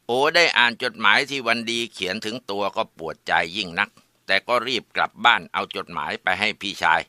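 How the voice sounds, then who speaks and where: A man narrating a folk tale in a plain, steady storytelling manner. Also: lowish voice, a little fast, clean tone, dry recording, clean studio sound.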